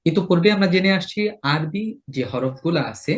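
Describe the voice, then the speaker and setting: A man with a Bangladeshi Bengali accent teaching a tajweed lesson. He explains pronunciation rules step by step and chants the example words slowly. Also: on the high side. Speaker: Quran recitation teacher.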